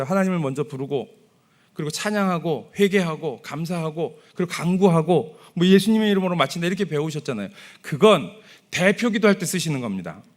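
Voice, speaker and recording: A male pastor giving a Sunday sermon in a church, talking to the congregation in a conversational way and softly acting out sample prayers. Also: fairly high pitch. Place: church sanctuary.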